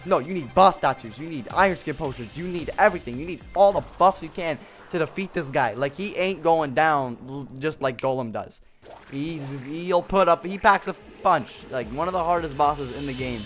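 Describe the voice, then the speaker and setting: Young male gaming host, slightly high voice, rambling and filler-heavy, faint music underneath. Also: normal speed, a bit bright. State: out of breath. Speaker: gaming youtuber. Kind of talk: casual ranking commentary.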